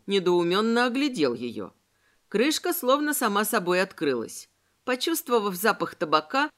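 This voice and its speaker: A woman with a medium-pitched voice narrates an audiobook from a script, her storytelling measured and expressive.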